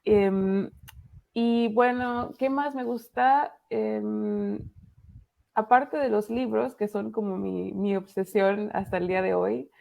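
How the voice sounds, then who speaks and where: Mexican woman writer, husky and gravelly, chatty guest on a video call, lots of fillers. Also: mid-range voice, fairly even intonation, slow pace, darkish tone. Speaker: author, interview guest. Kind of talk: casual interview over video call. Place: dark home room at night.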